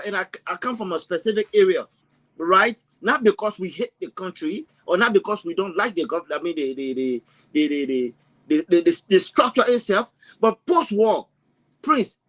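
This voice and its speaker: High-pitched man panelist, emphatic commentary. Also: fairly bright tone. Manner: emphatic, repeats words while searching. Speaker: panelist, college teacher.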